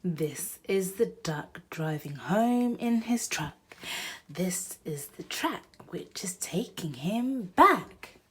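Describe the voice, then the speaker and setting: A woman gives a children's read-aloud, speaking slowly with an expressive, sing-song delivery and a breathy edge. She lingers over the words for her young listeners, her pitch lifting and falling in a lively way.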